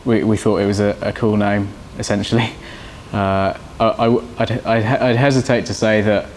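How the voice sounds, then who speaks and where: A young man who plays guitar in a band answers slowly and haltingly, restarting his sentences often. His voice sits fairly low, and a faint background hiss runs under it. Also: fairly even intonation, a little mellow. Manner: halting, many restarts and fillers. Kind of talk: casual interview answers.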